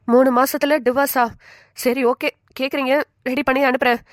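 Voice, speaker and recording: A woman voicing a brisk, teasing female lawyer in a cartoon. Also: high-pitched, fairly even intonation, no room sound, studio quality, pitched above the performer's own voice, close to an everyday voice.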